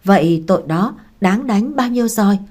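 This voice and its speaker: A woman reading the part of a strict, quick-tempered elderly matriarch who gives commands and scolds. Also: medium pitch, lively intonation, warm tone, natural voice. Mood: stern.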